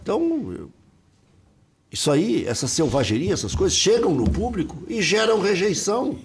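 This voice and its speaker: Brief: outspoken commentator man in his fifties, very expressive, faint noise behind. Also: high voice, moderate pace. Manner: blunt, outspoken. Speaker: sports commentator. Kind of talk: talk show debate.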